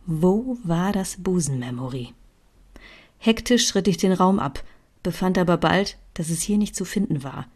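Low-voiced woman reading a story. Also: expressive, measured pace, a little mellow, husky. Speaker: author reading her own story. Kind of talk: storybook reading in first person.

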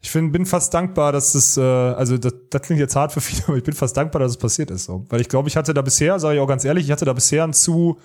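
A podcast co-host who talks quickly and loosely. He rambles, cuts himself off, and circles back to finish his thoughts. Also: fairly high pitch, a little mellow. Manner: rambling, self-interrupting, laughs easily. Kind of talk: casual podcast chat.

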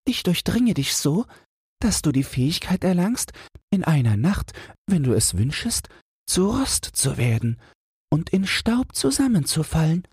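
A man's voice: fairly high pitch, big pitch swings, unhurried, a little mellow, husky, no room sound, clean studio sound, voice pushed up, exaggerated voice. A man voicing a solemn raindrop that offers a gift in a fairy tale. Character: raindrop falling from grey clouds, solemn.

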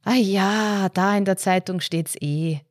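A woman's voice: mid-range voice, slow, no echo. A woman voicing an unflappable elderly husband in a read short story. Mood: unbothered. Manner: placid, dry, unbothered.

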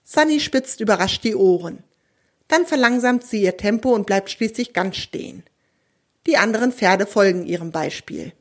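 A woman narrating a children's audio story in a calm, clear storytelling voice. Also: mid-range voice, moderate pace.

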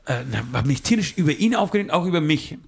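A man's voice: fairly high pitch, expressive, fast talker, breathy edge. A man in his forties on a casual podcast, rambling through a confession story, swearing and acting out both sides of phone calls. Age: 40s. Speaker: podcast co-host.

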